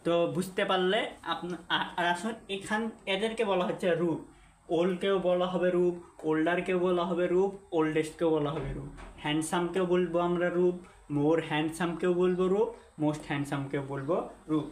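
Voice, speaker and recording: A man from Bangladesh teaches an English grammar lesson at a whiteboard, asking the class questions and going over the key points again. His high voice has fairly even intonation and a moderate pace, recorded in an echoey room with faint hiss.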